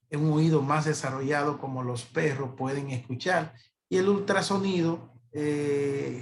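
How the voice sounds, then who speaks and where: A man who works as a radiologist, giving an educational lecture and explaining step by step, repeating himself and restarting phrases as he thinks. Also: a little high.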